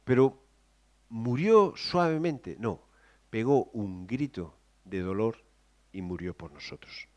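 A man preaching a sermon, moving between quiet scripture reading and loud, emphatic exclamations. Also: sits low, a little slow.

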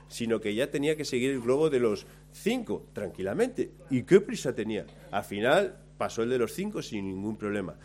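Self-mocking man telling a story. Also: on the high side. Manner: lively, self-mocking, acts out his own lines. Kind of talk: anecdote told to listeners.

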